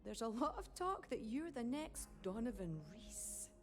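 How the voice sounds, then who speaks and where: A woman's voice: on the high side, measured pace, soft background music. A woman with a Scottish accent playing a chatty, cheerful tea shop clerk in a video game. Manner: bubbly, fan-struck, lively.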